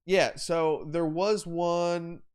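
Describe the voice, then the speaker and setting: A man's voice: a little high, steady tone, extremely slow, clean tone. A young adult man hosting a live photography Q&A stream, explaining lighting setups in a rambling, self-correcting way with fillers and repeated words. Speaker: photography livestream host.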